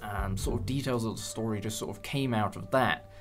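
This young adult, creator of a fan audio drama, speaks on the low side during a relaxed behind-the-scenes interview. His answers wander, full of hesitations and pauses, while guitar background music sits lightly beneath him.

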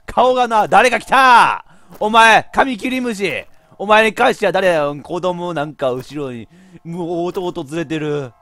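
A man playing a horror game, giving joking running commentary and breaking into sudden shouts. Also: high-pitched, measured pace. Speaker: VTuber game streamer.

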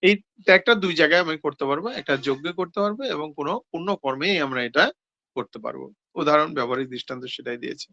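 Man, devotional scripture talk, hesitant and questioning, fairly high voice, dry close sound. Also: quick pace, bright, forceful tone, no echo, muffled recording. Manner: explains with rhetorical questions and answers; hesitant, with fillers and self-corrections. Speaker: seminar speaker on scripture.

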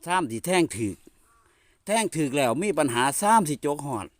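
A man's voice: a little high, big pitch swings, moderate pace, no echo. A man with a northeastern Thai Isan accent, hosting a casual outdoor vlog in rural fields and chatting to his viewers. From northeastern Thailand. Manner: chatty, addresses viewers often, peppers talk with tag particles. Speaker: vlogger host.

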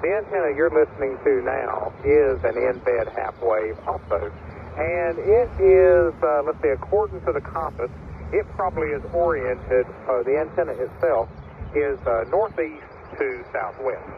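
Gravelly man over fading shortwave radio. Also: a little high. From central North Carolina. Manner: courteous, measured, with radio call procedure. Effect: heard through a shortwave radio receiver, signal fading in and out. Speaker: ham radio operator answering a call. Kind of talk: polite on-air radio exchange. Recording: tinny, noisy shortwave radio.

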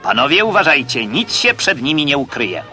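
A man reads an old 1960s newsreel, his voice pitched a little high and delivered crisply and declaratively. He adds a wry touch now and then. Clear music plays behind him throughout. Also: very animated, normal speed, pushed and bright. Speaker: newsreel narrator.

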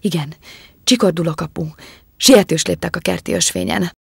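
Woman reading a young woman poisoner, icy, controlled, commanding, gravelly, dry audiobook sound. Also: on the low side, no room sound, full character voice. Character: young woman calmly confessing, icy and composed.

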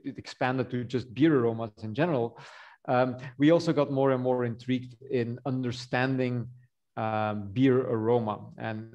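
A middle-aged man from Belgium giving an online conference talk over a video call, relaxed and rambling with many fillers. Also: medium pitch, muffled recording. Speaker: university yeast researcher presenting.

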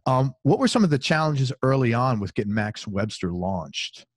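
A man's voice: mid-range voice, expressive, normal speed, dry recording, clean studio sound. A man hosting a casual interview, chatty and easygoing, laughing along and swearing casually. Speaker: interview host.

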